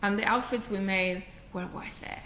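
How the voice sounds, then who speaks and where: A woman's voice: medium pitch, steady tone, normal speed, fairly bright tone, reverberant, slight background noise. A woman with a Spanish accent, whose first language is Spanish, giving upbeat packing advice in a casual chat, often checking in with "right?". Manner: upbeat, instructive, tag questions like "right?". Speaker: professional packer, guest.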